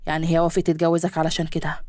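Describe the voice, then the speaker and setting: A woman with an Egyptian accent voicing a wealthy middle-aged father who speaks softly and apologetically to his son, in a storybook reading. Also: low voice, monotone, rapid-fire, no room sound, studio quality, pitched below the performer's own voice, natural voice. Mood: tender. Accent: Egyptian Arabic.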